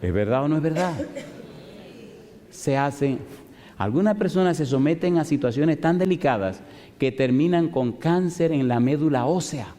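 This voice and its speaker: A male pastor preaching a sermon, telling a story with animated delivery and rhetorical questions to the congregation. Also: on the high side, normal speed. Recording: long reverb of a large hall.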